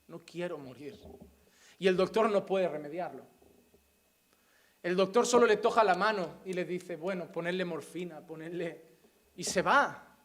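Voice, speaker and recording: A young man preaches with fervor. His sermon swings between hushed, sorrowful passages and soaring, shouted proclamations. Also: high-pitched.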